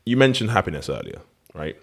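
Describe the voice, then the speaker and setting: A man's voice: low-pitched, huge pitch swings, fast talker, gravelly. A man hosting a casual podcast conversation who rambles, corrects himself and laughs often.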